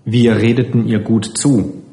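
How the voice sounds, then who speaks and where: A man reading a literary story aloud in a calm, measured narration. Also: on the low side, creaky, echoey room. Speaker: audiobook reader.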